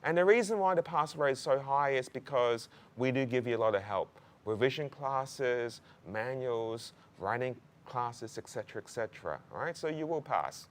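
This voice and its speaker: A man's voice: mid-range voice, lively intonation, moderate pace, hardly any pauses. A man giving an informational presentation to prospective students in a conversational, emphatic way, often adding short tags like right and okay. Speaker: law program presenter.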